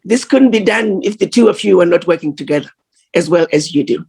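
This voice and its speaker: Woman giving an earnest speech on a video call, kinda husky. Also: fairly low pitch, animated, fairly quick, darkish tone. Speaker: conference speaker. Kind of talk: formal address.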